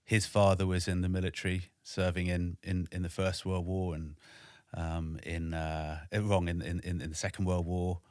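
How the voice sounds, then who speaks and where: Low-pitched man in his forties, measured guest, dry close sound. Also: little pitch movement, a little mellow, smooth, no echo. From Wales. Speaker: podcast guest, army veteran. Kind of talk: casual interview. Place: home studio in a flat.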